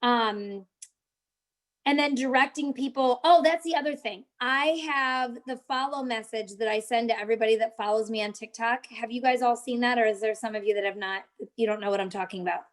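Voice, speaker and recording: High-voiced chatty woman giving social media tips. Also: steady tone, a little fast. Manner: chatty, talks to viewers in the chat. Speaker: host of a live social media training. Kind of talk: casual live-stream tutorial.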